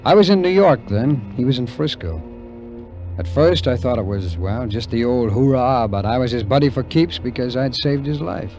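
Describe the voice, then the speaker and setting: An actor with a medium-pitched, expressive, slightly mellow voice plays a wary, cynical American ex-soldier at a moderate pace, lightly acted. He recounts his story in slangy, wry, hard-boiled 1950s radio drama narration, on a rough vintage radio recording with music.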